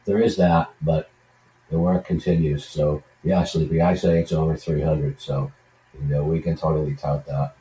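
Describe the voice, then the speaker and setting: A man co-hosting a sports betting podcast while sick with a cold, speaking in a monotone. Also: extremely low pitch, normal speed. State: has a cold. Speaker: podcast co-host. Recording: echoey, distant remote mic.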